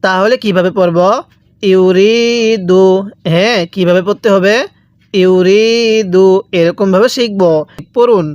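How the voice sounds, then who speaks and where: A man teaching Quran reading, spelling syllables out slowly and asking then answering his own questions. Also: sits high, no echo. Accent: Bangladeshi Bengali. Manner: drills letter by letter, asks and answers own questions. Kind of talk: slow spelled-out recitation lesson.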